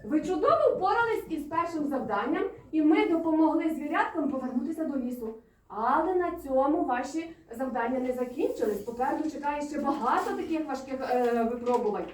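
A woman's voice: sits high, lively intonation, brisk, darkish tone. A woman preschool teacher reading riddles, praising and guiding small children through a lesson and chanting rhymes. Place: kindergarten classroom. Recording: roomy, far from the mic, with music behind.

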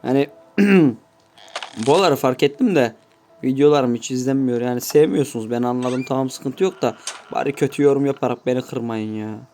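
A man's voice: medium pitch, brisk, dark tone, soft background music. A man giving casual gameplay commentary, swearing constantly and grumbling to his viewers in mock-offended asides. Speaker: gameplay YouTuber.

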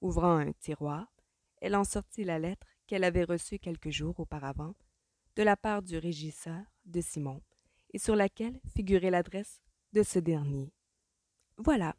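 A woman narrating an audiobook in a measured, expressive reading voice. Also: lowish voice, dry recording. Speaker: audiobook reader. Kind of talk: scripted narration.

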